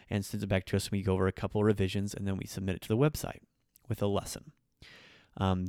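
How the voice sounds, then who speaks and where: A native English-speaking man who hosts a podcast and teaches languages shares his views on teaching in an unscripted monologue. His voice is lowish and a little mellow, recorded dry in studio quality, and he's frank and opinionated, full of ums and restarts.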